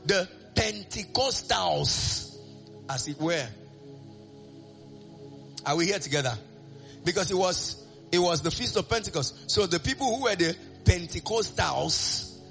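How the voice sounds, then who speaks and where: A man preaching a sermon, animated and sing-song, asking the congregation call-and-response questions. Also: sits high, gravelly.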